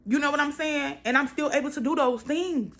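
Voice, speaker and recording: Her high-pitched, slightly bright voice moves fairly quickly as this American woman in her twenties chats with viewers in a personal vlog. For emphasis, she says key phrases more than once.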